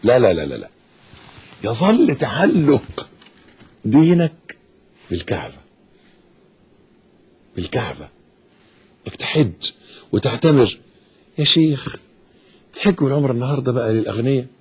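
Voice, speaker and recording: A man with an Egyptian accent preaching an impassioned sermon, swinging from hushed to loud. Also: mid-range voice, sing-song, normal speed, pauses often, husky. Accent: Egyptian Arabic.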